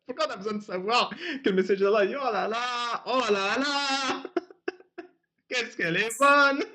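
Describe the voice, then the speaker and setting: Speaking at a measured pace, this man's very high-pitched voice comes across bright and forceful. As host of a debate channel, he runs a sarcastic, mocking, casual talk and laughs often, and the recording has a dull lo-fi quality.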